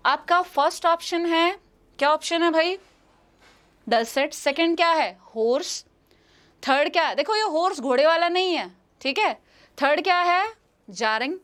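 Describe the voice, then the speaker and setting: High-voiced Indian woman teaching English. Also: lively intonation, unhurried, a bit bright. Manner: repeats questions and answers, calls students "beta". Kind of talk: live online exam-prep lesson.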